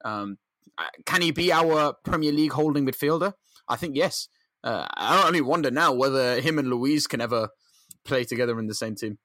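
Earnest football fan, dry mic. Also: male voice, mid-range voice, moderate pace, bright, forceful tone, no echo. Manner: earnest, rambling with restarts. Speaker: podcast co-host. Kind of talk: casual football chat.

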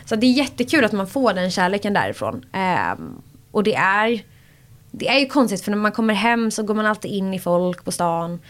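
A young woman from Borås, a pop singer, talks as a guest on a podcast. She tells animated stories in a mid-pitched voice and slips into the voices of the people she quotes. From Borås, Sweden. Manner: animated storyteller who acts out quoted voices and laughs often. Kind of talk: casual interview chat.

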